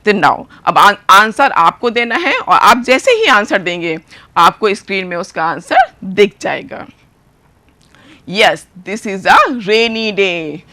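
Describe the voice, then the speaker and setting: A woman with an Indian accent teaching a primary school class, explaining words slowly and spelling them out letter by letter. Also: mid-range voice, animated, sharp tone. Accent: Indian English. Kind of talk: bilingual classroom lesson.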